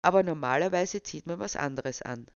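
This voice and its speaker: A man's voice: a little high, a little fast, smooth, no room sound, natural voice. A reader voicing a shy, hesitant young man. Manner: hesitant, quietly earnest. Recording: dull, dry recording.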